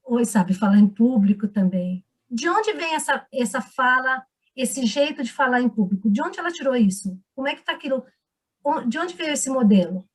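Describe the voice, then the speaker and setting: A woman's voice: high voice, expressive, moderate pace, slightly rough. Encouraging woman leading seminar. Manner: encouraging, asks the group many questions. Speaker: teacher trainer leading a seminar. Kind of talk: online seminar, leading a discussion. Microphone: video call microphone.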